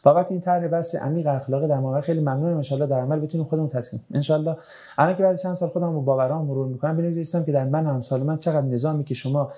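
Brisk male religious teacher, mellow tone. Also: on the high side, steady tone. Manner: brisk, conversational, with dry joking asides. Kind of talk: reading out and answering audience questions.

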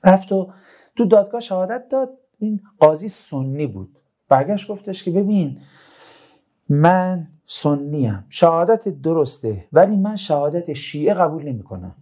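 A man's voice: high voice, lively intonation, dark tone, slightly rough. A man giving an informal religious talk full of stories, chatting and joking with his listeners in between. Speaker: religious speaker.

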